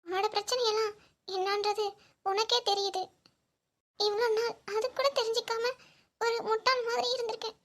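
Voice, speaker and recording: A woman's voice: fairly even intonation, normal speed, long pauses, slight background noise. A woman voicing a heartbroken young woman in love in a cartoon, emotional and pleading. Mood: pleading, sad. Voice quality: very high, thin cartoon voice. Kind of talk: cartoon voice acting.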